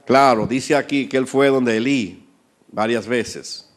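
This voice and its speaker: A man's voice: medium pitch, takes it slowly. A man, a pastor, preaching a sermon, asking the congregation questions and letting his voice rise and fall in volume for emphasis. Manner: volume swells and drops for emphasis.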